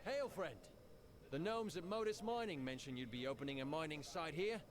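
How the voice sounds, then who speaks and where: A man's voice: a little high, expressive, moderate pace, close to an everyday voice. An actor playing an enterprising male mining trader in a scripted fantasy video game. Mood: hearty, persuasive.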